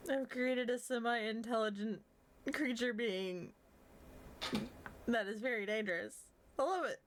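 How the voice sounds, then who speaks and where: A woman narrating as game master of a tabletop game, casual and chatty, quick to laugh. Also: a little high, background noise.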